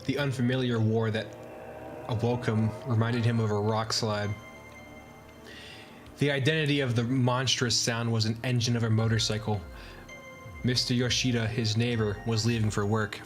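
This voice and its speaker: A man chatting casually while playing a visual novel and reading its narration aloud in an easygoing way. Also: lowish voice. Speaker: streamer.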